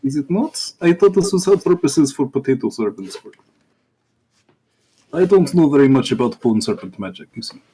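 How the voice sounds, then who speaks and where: A man voicing a theatrical, formal, detached adventurer in improvised tabletop role-play, with a husky voice and measured manner. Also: mid-range voice, sing-song, mellow, rough recording.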